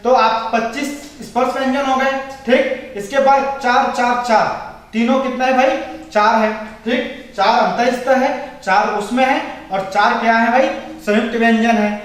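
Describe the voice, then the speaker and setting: A man's voice: very high voice, fairly even intonation, unhurried. A man teaching an exam coaching class, who keeps asking questions and answering them himself and calls his students "bhai". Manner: asks and answers his own questions, repeats key points. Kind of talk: classroom grammar lecture. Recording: very echoey room, voice far from mic.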